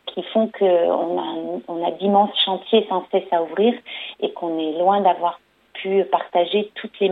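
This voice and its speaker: A woman storyteller and performer, whose first language is French, responds to radio interview questions over a phone line. She has a fairly low, creaky voice and speaks hesitantly, with many fillers and false starts.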